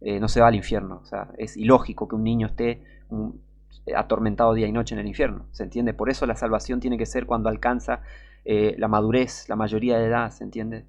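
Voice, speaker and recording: A man's voice: on the low side, flat delivery, a little fast, creaky, darkish tone. A man with a Rioplatense Spanish accent preaching a sermon in an emphatic way, with many rhetorical questions and frequent checks that listeners understand.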